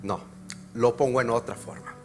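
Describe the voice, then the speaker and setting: Preaching pastor with soft music behind. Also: male voice, medium pitch, steady tone. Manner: swings from loud preaching to quiet, slow explanation. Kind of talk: sermon. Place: church service.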